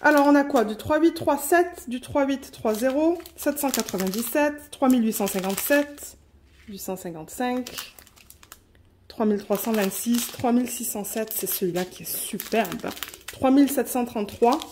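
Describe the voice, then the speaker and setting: A woman vlogging an unboxing in a quick, chatty way, reading out color numbers at home. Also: fairly high pitch, darkish tone, slight background noise. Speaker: diamond painting vlogger. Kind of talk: casual unboxing chat.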